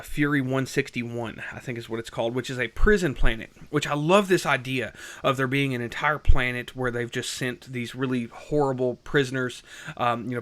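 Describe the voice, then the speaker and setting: A man's voice: mid-range voice, sharp tone. A young man giving a casual, rambling film review, full of fillers and restarts.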